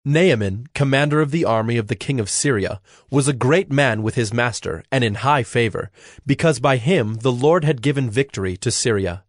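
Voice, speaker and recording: A man narrating scripture in a measured, even reading voice. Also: mid-range voice, dry recording, clean studio sound. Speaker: scripture reader.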